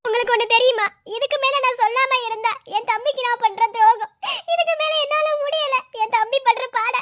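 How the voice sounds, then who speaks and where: A woman's voice: very high voice, a little fast, fairly bright tone. A woman voicing a resentful young wife who gives cold, accusing retorts in a cartoon story.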